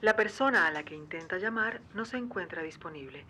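A woman's voice: on the low side, fairly quick. A woman voicing an automated voicemail announcement over a phone. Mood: impersonal. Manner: flat recorded announcement, formal phrasing. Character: automated phone-network voicemail voice, female, impersonal. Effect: automated voicemail announcement heard over a phone. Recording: phone speaker with loud line noise.

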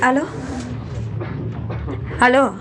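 A woman's voice: sits high, extremely slow, a crowd in the background. An actress playing a grief-stricken young sweetheart in a melodramatic radio drama, crying as she speaks. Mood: grieving.

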